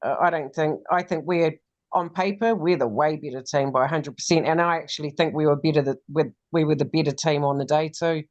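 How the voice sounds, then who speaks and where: A woman with a broad New Zealand accent speaks in a fairly low voice. She talks casually and bluntly, in slang, like a fan among friends. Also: steady tone, a little fast, darkish tone, dull audio. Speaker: rugby league podcast panellist.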